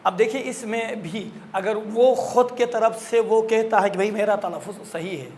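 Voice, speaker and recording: A man's voice: sits high, a little mellow, a little hiss or hum. A man teaching a classroom lesson on Quran recitation, explaining patiently and repeating his points.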